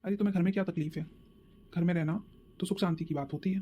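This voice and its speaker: A woman's voice: fairly low pitch, fairly even intonation, fast talker, breathy edge, dull audio, pitched below the performer's own voice. A woman voicing a tired office-going husband in a cartoon, talking in a weary, complaining way. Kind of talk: cartoon voice acting.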